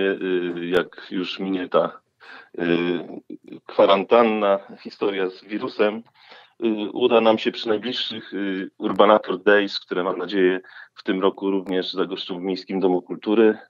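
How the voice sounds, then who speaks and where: Low-voiced male guest over a dull phone line. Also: steady tone. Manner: halting, with filler sounds. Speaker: lyricist guest. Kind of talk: phone interview.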